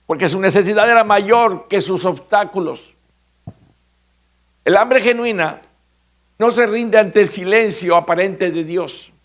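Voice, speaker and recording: A man's voice: high-pitched, unhurried, pauses often. A man with a Mexican Spanish accent preaching a sermon as pastor, dramatic and acting out the voices of biblical figures. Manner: dramatic, acts out biblical voices, shifts from shouting to hushed.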